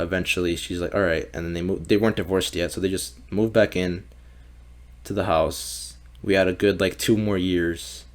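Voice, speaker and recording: A young man from Mexico, a podcast guest talking casually, swearing often and filling with "like". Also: low voice. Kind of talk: casual conversation.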